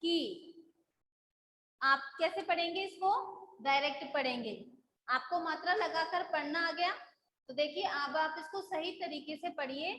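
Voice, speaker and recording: A woman's voice: extremely high pitch, unhurried, bright, forceful tone, roomy sound, slight background noise, low-quality recording. A woman school teacher taking a live online class, patiently drilling syllables and checking that the students follow.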